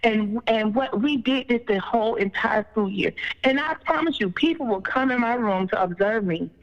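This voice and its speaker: A woman's voice: fairly high pitch, moderate pace. A woman who is a veteran teacher, telling a classroom story in a casual interview and acting out her own words to the class. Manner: animated, re-enacts her own classroom talk. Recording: dull, echoey hall sound.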